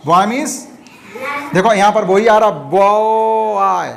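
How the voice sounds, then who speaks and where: In a noisy room full of chattering schoolchildren, with a crowd audible behind him, a high-pitched male teacher speaks at normal speed. He spells words out letter by letter during the lesson and repeats them with patience.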